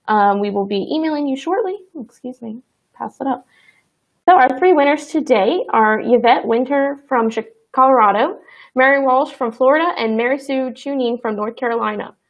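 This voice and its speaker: A woman hosts the end of a webinar, reading out announcements and thanks with an upbeat, chatty manner. Her fairly high voice has a gravelly fry to it. The sound is dull and lo-fi. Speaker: webinar moderator. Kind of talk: hosting announcements.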